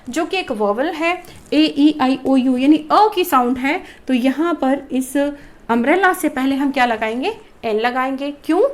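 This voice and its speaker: A woman teaching a grammar lesson to children, asking a question and answering it herself. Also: high-pitched. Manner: addresses viewers as children.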